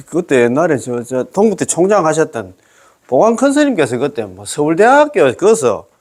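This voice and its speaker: A man with a Gyeongsang accent giving a chatty Buddhist dharma lecture, exclaiming and laughing often as he explains a sutra. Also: on the high side. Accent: Gyeongsang Korean.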